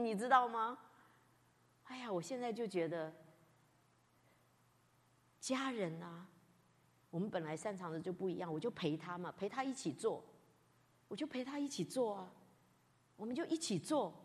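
A woman's voice: mid-range voice, expressive, moderate pace, pauses often, breathy edge. A woman pastor preaching a sermon, telling candid, self-mocking stories from her own life. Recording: long reverb, as in a hall.

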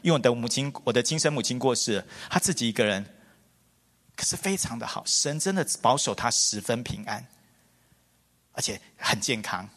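A man's voice: medium pitch, moderate pace. A middle-aged man preaching a sermon, telling stories with lots of repetition and calling the congregation forward. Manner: animated, repetitive, storytelling. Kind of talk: sermon with altar call. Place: church hall. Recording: long hall reverb with faint music.

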